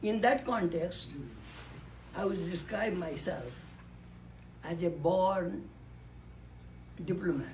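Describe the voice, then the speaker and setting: Speaking slowly and pausing often, this Nepali man in his 80s reflects aloud on a conference panel, leaning on repeated key words for emphasis. His voice sits high, and the rough recording from a handheld or podium mic in a conference room carries a little hiss or hum.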